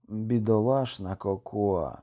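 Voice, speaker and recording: A man reading an audiobook, voicing a doomed young husband, tender and gloomy, with a slow, mournful delivery. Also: lowish voice, warm tone.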